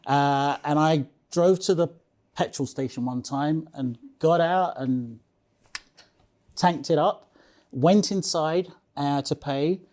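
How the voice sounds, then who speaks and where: A man whose voice is slightly high and darkish takes his time speaking as a casual interview guest. He tells anecdotes with emphasis, repeats phrases, and checks in with the listener by adding "okay?" to his statements.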